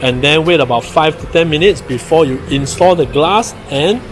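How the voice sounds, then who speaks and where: A man's voice: on the high side, moderate pace. A man with a Singaporean accent hosting a casual vlog, speaking colloquially with Singlish particles and tag questions. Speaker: vlog host. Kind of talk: casual vlog chat to viewers.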